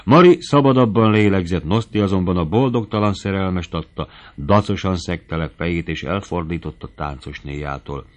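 A man with a low, deep voice reads a classic novel as an audiobook. He narrates at an even storyteller's pace, lifting his pitch sharply when he voices characters and sinking to a soft, hushed murmur for intimate dialogue. The reading stays clear and focused.

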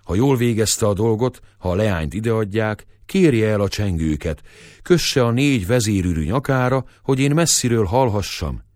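A man's voice: on the low side, animated, a little mellow, no room sound, clean studio sound, natural voice. A man voicing a sick, frail young peasant man who speaks weakly and pleadingly.

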